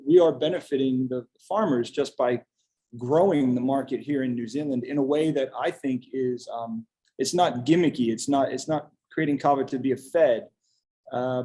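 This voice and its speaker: A man from the United States, a kava bar owner, answering on a webinar panel in a halting way with many restarts. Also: medium pitch, mellow.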